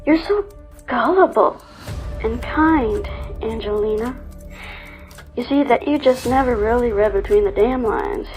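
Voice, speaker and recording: A sneering young ringleader, cocky and cruel, barking orders and mocking her captive in a raised, bright tone, as a woman storyteller puts her on. The voice sits a good step above a plain speaking voice and drips with scorn. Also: on the high side, unhurried, pauses often, soft background music, close to an everyday voice, poor audio. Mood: taunting. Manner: taunting, scornful, bossy.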